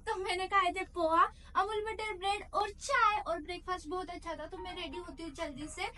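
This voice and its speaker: A young woman from India talking to her phone camera in a chatty, playful, self-mocking way, loud and fast while walking through a market. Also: extremely high pitch. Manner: talks loud and fast over traffic in the market. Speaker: vlogger. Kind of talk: casual travel vlog. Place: outdoor market street. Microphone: handheld phone camera. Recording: traffic noise behind.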